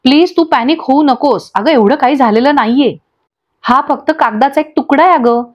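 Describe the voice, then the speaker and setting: A woman voicing a young husband who insists calmly and firmly in a storybook recap. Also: high voice, normal speed, dull audio, close to an everyday voice. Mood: firm, soothing. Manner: soothing, then firm and insistent. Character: steady young husband calming his wife.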